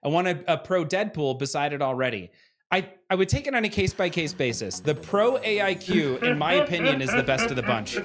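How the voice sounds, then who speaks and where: A woman's voice: fairly low pitch, very animated, a little fast. A woman hosting a pinball live stream, chatting casually, laughing often and reading viewer comments aloud.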